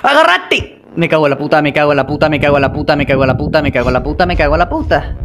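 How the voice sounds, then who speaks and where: A man, commentating his own gameplay, excitable and nervous, swearing often. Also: fairly high pitch, rapid-fire, noisy background. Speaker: gameplay streamer. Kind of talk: casual game commentary.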